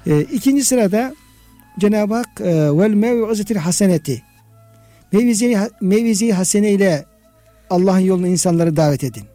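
A man's voice: high voice, a little fast, warm tone, dry recording, soft background music. A man in a conversational religious discussion, explaining and repeating phrases for emphasis, in the manner of a host.

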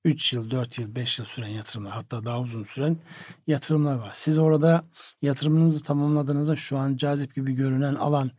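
A man's voice: medium pitch, fairly even intonation, moderate pace, darkish tone, dry recording. A man in an economic discussion who probes and pushes back with pointed questions. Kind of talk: analytical discussion.

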